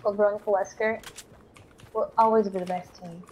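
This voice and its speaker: A man putting on a higher, softer voice for teasing asides while gaming. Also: little pitch movement, a little fast, slight background noise, lightly acted, low-quality recording.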